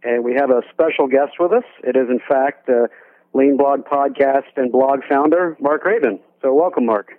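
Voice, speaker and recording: A man heard through a thin, phone-like low-quality stream, his voice boxy and dry with no room sound around it. He guest-hosts a podcast, putting relaxed questions to his guest and restarting phrases as he goes. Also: moderate pace, no room sound. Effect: low quality stream audio, tinny and phone-like. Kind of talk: conversational podcast interviewing. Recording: tinny dry low-quality online call.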